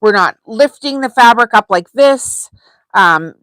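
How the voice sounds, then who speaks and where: A woman's voice: on the high side, animated, measured pace, fairly bright tone, no room sound, low-quality recording. A woman hosting a live sewing tutorial, talking casually and chattily with frequent ums as she works. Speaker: sewing channel host.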